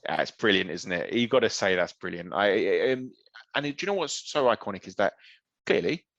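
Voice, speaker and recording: A man's voice: sits low, lively intonation, a little fast, fairly bright tone, dry recording, muffled recording. A young man hosting a football podcast, chatting enthusiastically. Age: young adult. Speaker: podcast host. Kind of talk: casual podcast chat.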